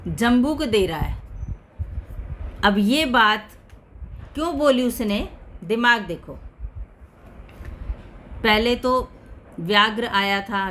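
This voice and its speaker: A woman's voice: medium pitch, fairly bright tone, a little hiss or hum. A woman Sanskrit teacher explaining a text word by word, repeating each term and asking and answering her own questions.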